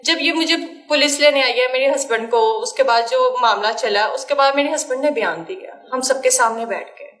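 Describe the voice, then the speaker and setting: A woman, her voice sitting high. She recounts events to an interviewer in a halting way, repeating herself and restarting often. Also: fairly bright tone.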